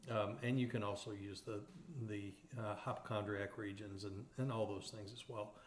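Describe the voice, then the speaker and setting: A man's voice: fairly low pitch, fairly even intonation, moderate pace. A man with an East Texas accent teaching radiography in a lecture over slides, explaining step by step with many fillers and restarts. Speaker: radiography instructor. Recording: roomy echoey recording.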